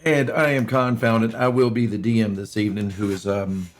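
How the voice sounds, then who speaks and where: A man's voice: lowish voice, little pitch movement, normal speed. A man hosting and narrating a tabletop game as game master, talking casually with plenty of fillers and laughs.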